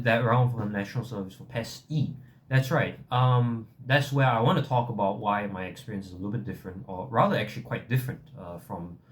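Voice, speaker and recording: A man's voice: on the low side, a little hiss or hum. A young man with a Singaporean accent chatting casually to viewers in a hesitant, self-deprecating, rambling way that often backtracks. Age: young adult. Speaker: vlogger.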